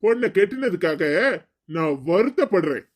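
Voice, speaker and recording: A proud, hot-tempered husband in a cartoon story, played by a man. His voice sits high for a man, and he scolds and threatens his in-law with angry force. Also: expressive, normal speed, a little mellow. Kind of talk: cartoon voice acting.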